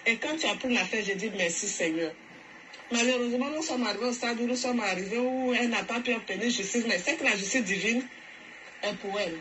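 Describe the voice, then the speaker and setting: A woman phones in to a live show, earnest and grateful, her thoughts running on in long sentences. Her voice is bright and fairly high, with a faint hiss of noise behind her. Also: brisk, poor audio. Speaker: caller.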